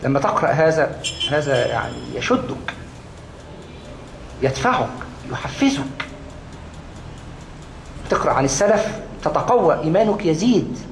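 A man's voice: fairly high pitch, expressive, moderate pace, pauses often. Egyptian man teaching, echoey room. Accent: Egyptian Arabic. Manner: repeats key words for emphasis, asks and answers his own questions. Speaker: Islamic studies lecturer. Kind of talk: religious lesson to a gathered class. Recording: echoey room, faint background noise.

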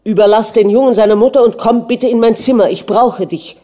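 A woman voicing a furious, domineering older prince with a crutch who shouts harshly at his wife. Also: fairly high pitch, fairly quick, pitched above the performer's own voice, close to an everyday voice. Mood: raging, shrill.

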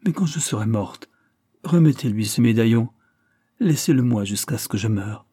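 A man reading aloud voices a frail, lovesick young English lady who pleads in a higher, trembling tone. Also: expressive, moderate pace, dark tone, breathy edge, no room sound, studio quality. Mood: pleading.

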